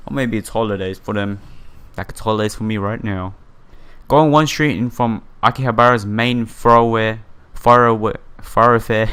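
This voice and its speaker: A man whose voice sits on the low side, a bit bright and clean, plays a visual novel as a let's player. He reads the text out loud with casual commentary, occasionally stumbling, while game music plays underneath.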